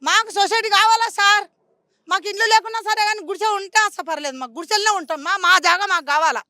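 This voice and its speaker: A woman's voice: very high-pitched, rapid-fire, sharp tone, no room sound, clean studio sound. A woman with a Telangana Telugu accent, a local resident speaking in a street interview. She pleads with passion and repeats herself.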